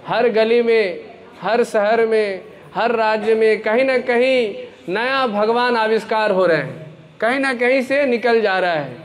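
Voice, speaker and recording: A man preaching a sermon to an audience, animated and full of questions, acting out the characters of his story. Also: high-pitched, a little slow.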